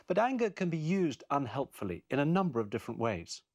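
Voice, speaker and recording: Presenter: man, steady, scripted narration, lively intonation. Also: a little high, a little fast. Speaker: course presenter. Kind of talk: scripted parenting course narration.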